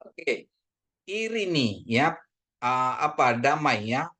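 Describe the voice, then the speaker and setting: Man teaching pronunciation, slow repeated words. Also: medium pitch, very animated. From Indonesia. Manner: drawn-out repetition of words, frequent fillers; addresses listeners as ladies and gentlemen. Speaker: Greek language teacher. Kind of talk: casual classroom lesson.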